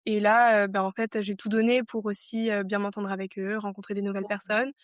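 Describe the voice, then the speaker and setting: A French woman in her twenties, a guest on a podcast, talks things over in a casual, reflective way with plenty of fillers and restarts. Her mid-range voice moves little in pitch and runs a little fast, captured in clean studio sound with no echo.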